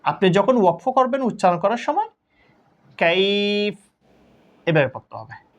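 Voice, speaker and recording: Quran reading teacher, slightly high. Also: male voice, very animated. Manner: slow drawn-out letter recitation; reciting letters and syllables for learners to repeat. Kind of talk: Quran letter-reading lesson. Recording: dull lo-fi sound.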